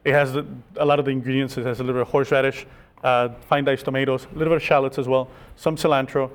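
A man's voice: mid-range voice, flat delivery, clear, resonant tone. A man, a chef, explaining oyster sauces in a cooking demonstration, with frequent restarts and filler words. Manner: quick, halting explanations with many restarts. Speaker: chef guest.

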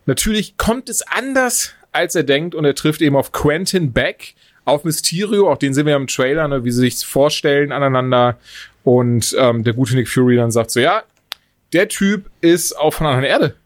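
A man hosting a podcast, chatting casually about films in an animated, digressive way full of quick asides. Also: mid-range voice, no room sound, studio quality. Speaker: podcast host reviewing films. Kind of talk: casual chat.

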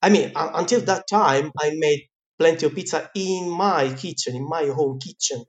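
A man's voice: a little high, moderate pace. Italian accent guy, chatty interview guest, lots of ums and laughs. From Italy. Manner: chatty, laughs often, many fillers. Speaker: guest, pizza teacher. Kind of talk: casual interview storytelling.

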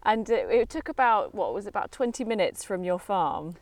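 A woman's voice: medium pitch, animated, brisk, no room sound. A woman hosting a podcast interview on an open hillside, chatty and appreciative, asking her guest questions. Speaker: podcast host. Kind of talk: casual outdoor interview.

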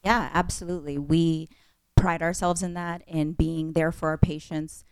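A woman clinician answers interview questions in a low, steady voice. Her delivery is composed and explanatory, and the recording is dry and close. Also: normal speed, smooth, no echo. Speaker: physician assistant guest.

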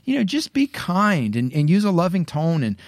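A man co-hosting a faith podcast, giving earnest advice point by point with deliberate pauses. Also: high-pitched, sing-song, dry recording. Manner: earnest, lists points slowly with emphatic pauses. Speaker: podcast co-host offering pastoral advice. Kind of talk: casual faith podcast chat.

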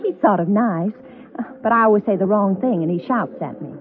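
An actress playing a naive, chatty young woman tourist who gets flustered, in 1930s film dialogue, halting and earnest. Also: medium pitch, close to an everyday voice. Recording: tinny, hissy old film soundtrack.

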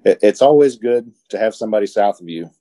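A man's voice: on the low side, lively intonation, fast talker, dark tone. A man from Indiana, a guest in a casual chat, talking hesitantly with many restarts. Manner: hesitant, many restarts and fillers, laughs often. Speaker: podcast guest.

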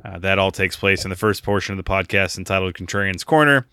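Here a US podcast co-host speaks fast in a low, smooth voice with a sharp edge. Casual and jokey, he rambles along with plenty of laughs. The recording is dry and studio quality.

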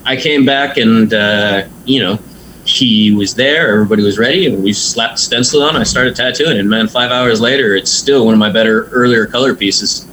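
A man's voice: mid-range voice, normal speed, fairly bright tone, slight background noise, rough recording. A man who is a tattoo artist, telling a story in a casual interview, laid-back and rambling, with frequent swearing and filler words.

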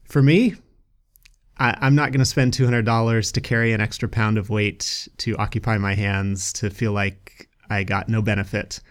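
A man's voice: fairly low pitch, steady tone, normal speed, clean tone. Easygoing man co-hosting a hiking podcast. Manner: easygoing, chuckles often between remarks. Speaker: podcast co-host. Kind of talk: casual chat.

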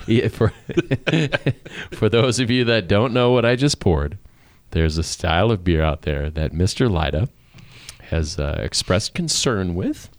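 A man's voice: on the low side, animated, measured pace, dry recording, clean studio sound. A man hosting a brewing show in casual chat, laughing often and restarting his sentences.

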